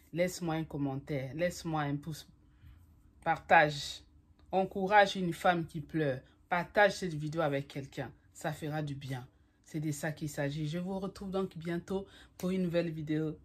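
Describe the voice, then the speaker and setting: A woman's voice: sits low, husky. A woman vlogger giving relationship advice to camera in an emphatic, repetitive way, mixing in English phrases. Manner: emphatic, repetitive, addresses listener as "my lover"; mixes French with English phrases. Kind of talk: motivational talk to camera.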